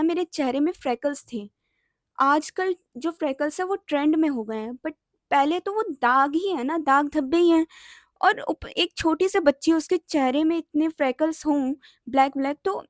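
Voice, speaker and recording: Brief: young woman vlogger, high voice, dry close sound, chatty heartfelt storytime delivery. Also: no room sound. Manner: chatty, emotional, mixes in English words. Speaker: vlogger telling a personal story. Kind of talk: casual storytime monologue.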